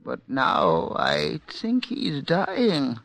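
A man's voice: a little high, huge pitch swings, drawn-out words, gravelly, fairly bright tone, no echo, heavily acted. An actor playing a frail, despairing older male prisoner with a quavering voice in a radio drama. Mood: weary. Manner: fearful, quavering.

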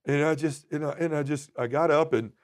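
A man telling his personal testimony as a podcast guest, earnest and emotional, often dropping to a soft, quiet voice. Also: on the high side, steady tone, a little fast.

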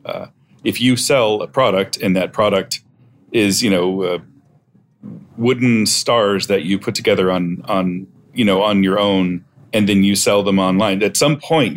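Male expert guest, middle-aged, lowish pitch, informal explanatory delivery, slight noise behind. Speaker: podcast guest, software testing expert. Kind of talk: casual explanatory interview talk.

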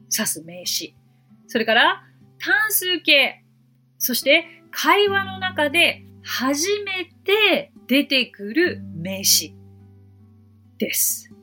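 A woman teaching English on a podcast, explaining and slowing down for examples. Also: sits high, pushed and bright. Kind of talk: podcast lesson.

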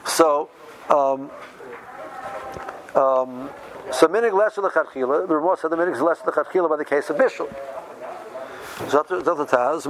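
A man's voice: high-pitched, slight background noise, rough recording. A man giving an informal lesson on a religious text, reading and explaining, rephrasing often and posing questions that he answers himself. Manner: repeats and rephrases, poses questions and answers them.

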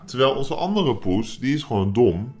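A man speaking as an anonymous interviewee, his voice disguised by shifting it deeper in pitch, talking hesitantly with many filler sounds. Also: very animated, normal speed, darkish tone, faint music behind. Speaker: anonymous interviewee, cat owner. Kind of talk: casual interview chat.

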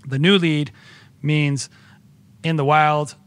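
Bright-voiced excitable man talking shop. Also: a little high, takes it slowly, clean tone. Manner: enthusiastic, rambling with many restarts. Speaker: podcast guest, wedding filmmaker. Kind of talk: casual podcast conversation.

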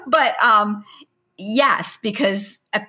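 A middle-aged woman from Pennsylvania co-hosting a casual podcast chat. Her tone is bright and clear, and she laughs often mid-sentence in a chatty, easygoing way. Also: mid-range voice, extremely slow. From Pennsylvania, United States. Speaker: podcast co-host.

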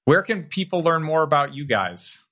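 A man's voice: a little high, big pitch swings, normal speed, bright, forceful tone. A man speaking as the host of a podcast, addressing guest and listeners. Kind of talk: podcast hosting.

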